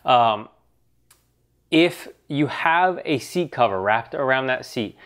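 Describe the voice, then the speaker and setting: A man's voice: mid-range voice, a bit bright. A man with a nasal, congested voice from getting over a cold, hosting a casual question-and-answer show in a loose, conversational way with frequent fillers and restarts.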